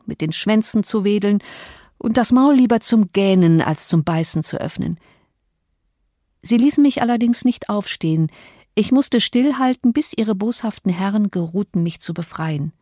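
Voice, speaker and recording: A woman reading a classic novel aloud as an audiobook narrator, measured and expressive. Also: mid-range voice, no echo, clean studio sound.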